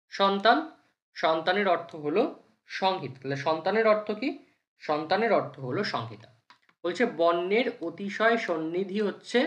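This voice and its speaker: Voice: medium pitch, a bit bright. A teacher leads an exam-prep lecture. The delivery is a rhythmic recitation of terms, with short rhetorical questions answered straight away. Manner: rhythmic listing, asks and answers own questions.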